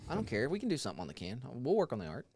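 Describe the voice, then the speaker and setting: A fast-talking man chats casually as a podcast co-host. His mid-range voice is recorded dry, and his talk is blunt, slangy and full of swearing. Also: mid-range voice, wildly swooping pitch, a little mellow, husky, no room sound. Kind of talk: casual chat.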